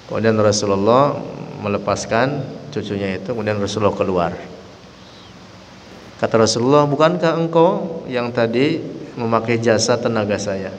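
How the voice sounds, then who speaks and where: A man's voice: on the low side, normal speed, pauses often, in a large hall, a little hiss or hum, low-quality recording. A man giving a dawn sermon as an Islamic teacher, telling the story vividly and acting out the quoted voices. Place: mosque hall.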